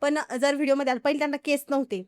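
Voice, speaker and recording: High, quick-talking woman. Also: no room sound. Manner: animated, acts out others' quoted lines. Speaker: farmer vlogger guest. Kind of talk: casual podcast interview storytelling.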